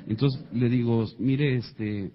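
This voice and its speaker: Husky Mexican man telling a story. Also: medium pitch, slow pace, lo-fi sound. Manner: animated, acts out quoted voices. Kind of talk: comic anecdote to an audience.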